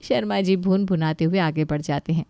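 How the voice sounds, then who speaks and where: A woman narrates an animated children's story in an even, scripted delivery. Her voice sits at a middle pitch and sounds dry and close to the mic. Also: brisk, no echo.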